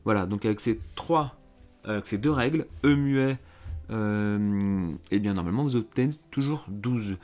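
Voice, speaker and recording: Patient low-voiced male teacher. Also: normal speed, darkish tone, faint music behind. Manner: patient, stepwise, many fillers and restarts. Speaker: French teacher. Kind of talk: online lesson walkthrough.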